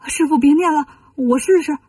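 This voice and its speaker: A woman's voice: high-pitched, normal speed, darkish tone, dry recording, clean studio sound, recorded from a distance, pitched above the performer's own voice, close to an everyday voice. A woman voicing a cheeky, clever monkey hero who teases his companion, for a children's story. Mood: teasing.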